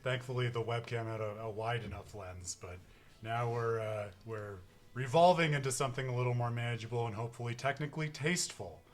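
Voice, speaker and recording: A man's voice: mid-range voice, a little fast. A man hosting a live stream, chatting casually in a rambling, joking way. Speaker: stream host.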